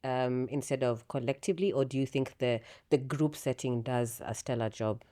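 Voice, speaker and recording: Deep low woman podcast host, curious and encouraging, lots of mm-hmms. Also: moderate pace. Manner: curious, encouraging, many soft backchannels. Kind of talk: candid interview conversation.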